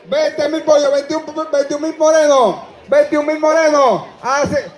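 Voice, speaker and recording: A Dominican man auctioneers in a very high, projected voice, repeating bids and pressing the buyers. His delivery is slow and drawn out, and it echoes over an outdoor PA with a crowd around. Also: fairly even intonation. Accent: Dominican Spanish. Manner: loud, insistent, projecting to a crowd. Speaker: livestock auctioneer. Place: open-air livestock show ring among a crowd. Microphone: public-address microphone, picked up by a spectator's camera.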